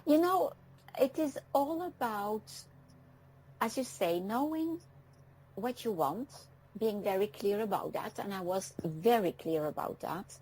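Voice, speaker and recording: A woman's voice: medium pitch, lively intonation, a little mellow, breathy edge, poor audio. A woman in her fifties from France, whose first languages are French and Dutch, speaking as a guest on an internet radio show. She talks in a reflective way and often stops to say "um.". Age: 50s. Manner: reflective, pausing often with ums.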